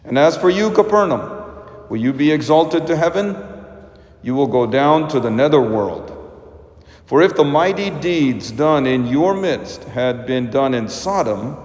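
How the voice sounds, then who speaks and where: A man, a priest, reading the gospel and preaching a homily in a slow, measured way inside a large church. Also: a little high, lively intonation, darkish tone. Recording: long echoing church reverb.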